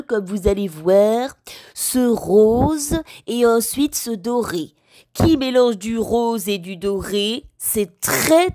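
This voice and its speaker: A woman voicing a cheeky male bulldog who mocks his aunt in a comic voice-over, speaking in a slow, sarcastic, teasing way. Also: a little high, dark tone.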